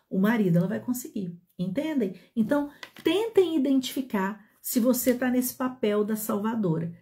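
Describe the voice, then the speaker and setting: A woman's voice: mid-range voice, darkish tone. A Brazilian woman teaching about relationships, speaking straight to her listeners and often checking that they follow. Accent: Brazilian Portuguese. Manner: talks to listeners directly, with frequent check-ins. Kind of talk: didactic talk to an audience.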